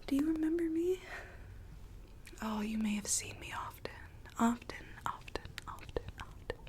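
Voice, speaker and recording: A woman playing a weary, gently coaxing Alice from Wonderland in a soft, breathy ASMR roleplay whisper. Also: high voice, animated. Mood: soothing, coaxing. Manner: slow, hushed, repeats words soothingly.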